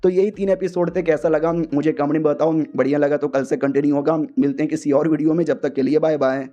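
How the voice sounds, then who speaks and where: A man's voice: fairly high pitch, fairly even intonation, a little fast, dark tone, no echo, faint music behind. A man narrating an anime recap in a chatty, slangy way. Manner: chatty, slangy, laughs at the story. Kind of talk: casual storytelling recap. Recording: dull lo-fi recording.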